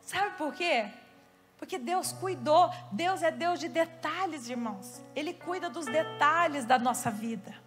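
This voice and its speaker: Brazilian woman pastor preaching in church, high voice, music playing underneath, lively storytelling. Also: unhurried. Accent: Brazilian Portuguese. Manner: animated storytelling with quoted asides. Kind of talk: sermon.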